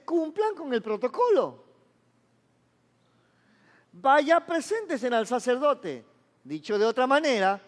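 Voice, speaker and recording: A man's voice: very high voice, in a large hall. A man, a pastor preaching to his congregation in a chatty style, often asking them whether they follow along. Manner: conversational preaching, asks the congregation for agreement. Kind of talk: sermon. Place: church.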